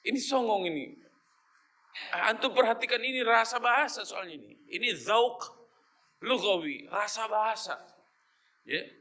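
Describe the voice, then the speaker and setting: A man with a fairly high, bright voice gives a Quran study lecture. He breaks down each Arabic phrase and explains it in a lively, teasing way. He slips easily into casual slang along the way. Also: normal speed, pauses often. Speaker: Quran teacher.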